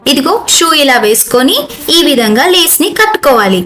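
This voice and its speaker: ఒక మహిళ నటించిన తెలివైన యువ కోడలు. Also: female voice, sits high, big pitch swings, brisk, reverberant, loud music behind the voice. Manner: chatty, talks to the audience, sweet with a sly edge. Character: put-upon young daughter-in-law, woman, sly. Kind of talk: amateur family comedy skit.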